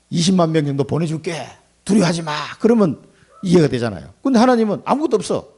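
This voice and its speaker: A male pastor delivers a lively Sunday sermon. His voice sits fairly high and swings widely in pitch. It has a gravelly, husky grain as he acts out quoted lines and puts questions to the congregation. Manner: animated preaching, acting out quoted speech, asking the congregation questions.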